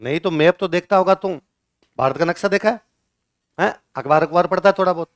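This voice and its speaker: A man teaches a class in a lecture and keeps quizzing his listeners. His voice sits fairly high and sounds clean and crisp. The recording is dry and close. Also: a little fast, dry recording. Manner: asks the class questions and answers them himself.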